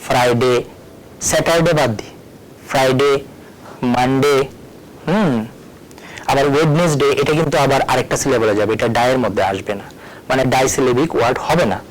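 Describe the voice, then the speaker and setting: Male teacher at a board, mid-pitched, patient, spells words out letter by letter, faint rumble behind. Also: a little fast, pauses often, rough recording. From Tripura, India. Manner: spells words letter by letter, switches between Bengali and English. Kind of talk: recorded board lesson. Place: at a board, erasing and writing.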